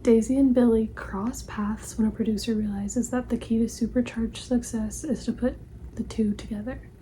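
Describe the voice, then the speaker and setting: A woman in an ASMR ASMR role-play, playing a polite, helpful librarian in a soft, breathy library soft voice with a gentle, attentive manner. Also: fairly high pitch, steady tone, normal speed, a little hiss or hum, close to an everyday voice, rough recording. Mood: reading softly. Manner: gentle, hushed, attentive customer-service talk. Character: helpful, polite female librarian recommending books to a customer.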